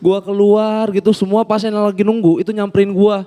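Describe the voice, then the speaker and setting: Animated high-voiced young comedian. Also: male voice, brisk, clear, resonant tone. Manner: animated storytelling, acting out characters in shifting voices. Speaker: stand-up comedian. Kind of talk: stand-up comedy set.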